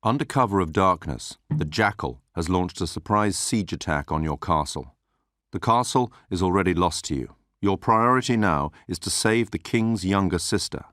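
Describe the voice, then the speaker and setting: A man delivering solemn, measured dramatic narration as a game's mission briefing narrator. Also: sits low, expressive, a bit bright, no room sound, clean studio sound.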